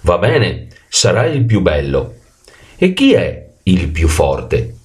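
A man voicing a proud male lion king who asks questions slowly and deliberately. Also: sits low, huge pitch swings, darkish tone, full character voice. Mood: regal.

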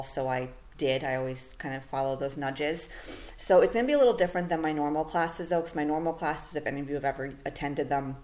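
Alone on her own podcast, a low-voiced woman talks loosely and chattily, packing in fillers like "you know" and "like." Her voice is slightly mellow and going a little hoarse because she's losing it.

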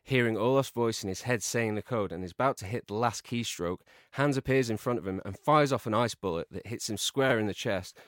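A man co-hosting a podcast, reading out a comic film pitch with deadpan storytelling delivery. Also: fairly quick, few pauses, dry recording, clean studio sound. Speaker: podcast co-host.

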